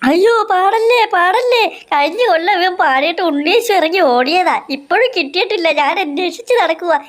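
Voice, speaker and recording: A woman's voice: extremely high pitch, lively intonation, brisk. A woman voicing a jolly old male Santa Claus doll who teases and jokes. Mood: teasing.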